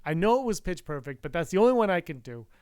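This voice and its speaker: Higher-voiced laughing man, crisp and dry. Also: sing-song, fast talker, darkish tone, dry recording. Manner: laughing, self-deprecating, wandering off topic. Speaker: podcast co-host. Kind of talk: casual livestream chat.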